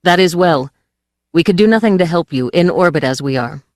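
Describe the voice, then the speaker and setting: An audiobook reader voicing a cold, calculating female alien commander in a flat, formal, threatening tone. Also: medium pitch, brisk, dry recording, studio quality, lightly acted. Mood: coldly formal. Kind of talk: audiobook character voice.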